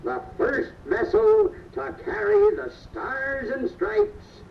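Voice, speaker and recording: A man's voice: very high voice, lively intonation, takes it slowly, vocal fry, a little hiss or hum. A man giving scripted historical narration as the ride narrator, in a stately storybook delivery, played back over a PA. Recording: distant roomy lo-fi PA playback.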